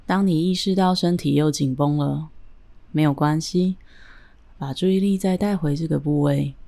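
A woman leading a guided breathing and relaxation meditation in a calm, gentle, soothing manner with deliberate pauses. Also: low voice, vocal fry.

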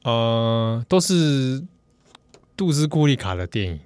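A man's voice: medium pitch, sing-song, takes it slowly, darkish tone, smooth, dry recording. A man with a Taiwanese Mandarin accent co-hosting a casual podcast chat, reflective and hesitant, often restarting his words. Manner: reflective, hesitant with repeated starts. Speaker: podcast co-host.

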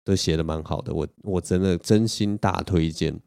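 A man's voice: sits low, steady tone, moderate pace, vocal fry, darkish tone, dry recording, studio quality. A young man, hosting a podcast and telling stories in a rambling, self-mocking way. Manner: rambling, self-mocking, with frequent laughs and restarts. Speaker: podcast host. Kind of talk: casual storytelling chat.

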